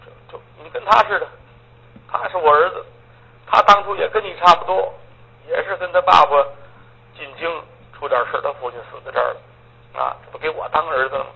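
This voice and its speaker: A man voicing a warm-hearted, fatherly old man who talks gently and coaxingly. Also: fairly high pitch, fairly quick, creaky. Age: older. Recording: tinny phone-like audio, faint hiss.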